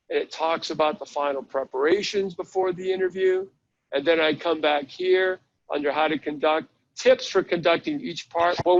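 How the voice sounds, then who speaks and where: A man's voice: fairly high pitch, lo-fi sound. A man presenting a live online training session, chatting his way through a website step by step. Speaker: webinar presenter.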